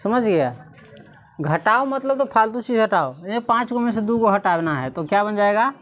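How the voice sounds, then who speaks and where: A woman's voice: medium pitch, animated. Woman teacher quizzing her class. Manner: repeatedly quizzes listeners, slow syllable-by-syllable reading. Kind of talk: classroom lesson reading Sanskrit aloud.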